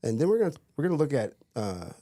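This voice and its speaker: A man's voice: mid-range voice, big pitch swings, fast, dark tone, no room sound, clean studio sound. A man hosting a podcast in a playful, joking, upbeat manner. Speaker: podcast host. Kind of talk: casual podcast talk.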